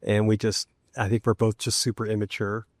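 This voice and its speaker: A man's voice: on the low side, little pitch movement, brisk, no room sound, clean studio sound. A man on a fishing podcast chatting casually with a joking, self-deprecating manner. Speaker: guest angler. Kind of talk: casual chat.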